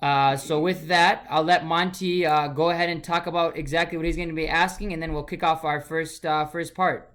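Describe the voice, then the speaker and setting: A man hosting a livestream interview, talking in a relaxed, halting way with many pauses and fillers. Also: on the high side. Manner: relaxed, hesitant, many ums. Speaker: host. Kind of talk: casual livestream introduction.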